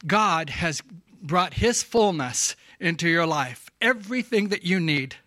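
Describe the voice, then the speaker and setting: A man preaching to his church, his high voice rising as he presses each point and throws questions to the congregation. The tone is bright and forceful, and the sound is dry and close. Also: expressive, measured pace, dry recording. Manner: emphatic, asks the congregation questions; gets emotional. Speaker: pastor. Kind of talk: sermon.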